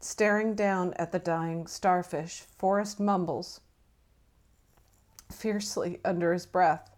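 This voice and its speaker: Low-voiced mother narrating. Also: steady tone, darkish tone. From British Columbia, Canada. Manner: reflective, measured storytelling. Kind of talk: scripted personal narration.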